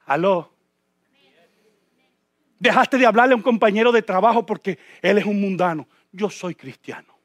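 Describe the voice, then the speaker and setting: A male pastor delivering a sermon in church, addressing the congregation with rhetorical questions and swinging between hushed low passages and shouted high points. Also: moderate pace, pauses often, dry recording, clean studio sound.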